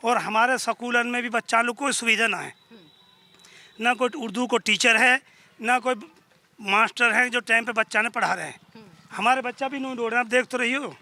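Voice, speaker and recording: High bright rustic Mewati villager man. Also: normal speed. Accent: Mewati Haryanvi. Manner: earnest, aggrieved, rustic dialect speech. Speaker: villager interviewee. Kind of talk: complaining interview answers. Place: outdoors in a village.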